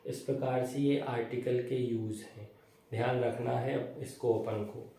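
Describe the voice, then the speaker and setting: A man's voice: medium pitch, fairly even intonation, unhurried, mellow. A male English teacher giving a grammar lesson in speech, who asks the class questions and answers them himself. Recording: echoey room, voice from far off, faint noise.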